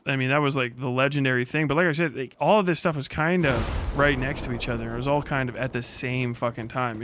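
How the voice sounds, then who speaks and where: With a medium-pitched, slightly bright voice, a man in his thirties hosts a casual livestream, commenting in a rambling, foul-mouthed style. Slight background noise can be heard.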